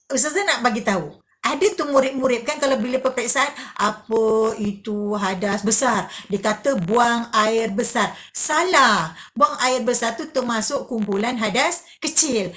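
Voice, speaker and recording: A woman in her fifties teaches a religious lesson to young pupils. Her voice sits a little high. She keeps asking questions and answering them herself, and she repeats her main points over and over. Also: fairly bright tone. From Malaysia. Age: 50s.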